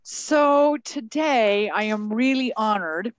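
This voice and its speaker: A woman's voice: a little high, expressive, slow pace, no room sound, low-quality recording. A woman hosting a live-streamed interview, introducing her guest in a chatty way with frequent ums and restarts. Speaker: host.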